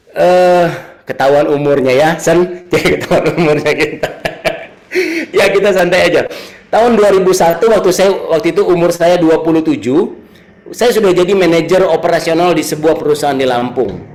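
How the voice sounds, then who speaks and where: A man in his thirties giving a casual sermon with a personal story, chatty, repeating his phrases and teasing his young listeners. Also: on the high side. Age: 30s. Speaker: youth service speaker.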